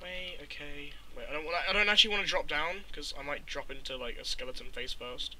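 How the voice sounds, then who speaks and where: A young man giving casual let's-play commentary over a headset, exasperated and swearing as he reacts quickly. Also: fairly high pitch, crowd noise, poor audio. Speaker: gamer commentator.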